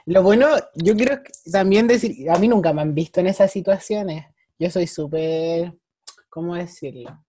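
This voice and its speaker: A woman's voice: on the low side, normal speed, mellow, breathy edge. A young woman with a Chilean accent, chatting casually and teasing her friends in blunt slang. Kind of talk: casual chat.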